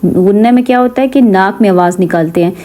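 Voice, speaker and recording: A woman teaching Quran reading with a Pakistani Urdu accent, spelling each syllable slowly and patiently, then explaining quickly. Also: medium pitch, dark tone.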